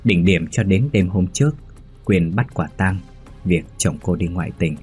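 Low husky male story narrator. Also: normal speed. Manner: calm, steady storytelling. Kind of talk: read-aloud ghost story narration. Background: faint music.

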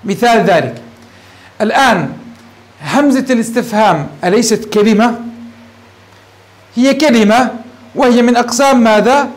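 A man's voice: very high-pitched, moderate pace, pauses often. A man teaching an Arabic grammar lesson, asking his class questions and answering them himself, calling his listeners dear ones. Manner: mixes formal Arabic with colloquial asides.

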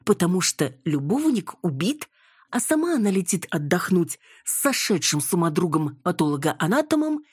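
A woman's voice: fairly low pitch, sing-song, moderate pace, slightly rough, no echo, studio quality, voice pushed up. A woman voicing an exasperated, impulsive young woman who exclaims in a raised voice.

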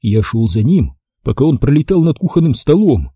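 A man narrating an audiobook in a lively, expressive storytelling manner. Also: medium pitch, normal speed, breathy edge, no room sound.

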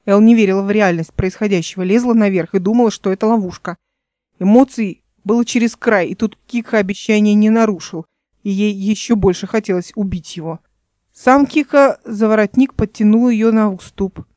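A woman reading a fantasy audiobook in a soft, even storytelling manner. Her voice is mellow and dark. The home recording is close and dry. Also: medium pitch, a little fast, no room sound. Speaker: audiobook narrator. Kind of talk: scripted narration. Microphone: close mic, home recording.

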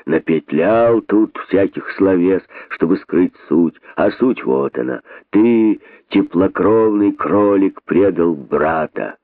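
A man's voice: low voice, takes it slowly, few pauses, dry recording. An actor reading an audiobook, voicing a hateful old male boa who talks in a heavy, brooding, hissing way, on tinny phone-like audio.

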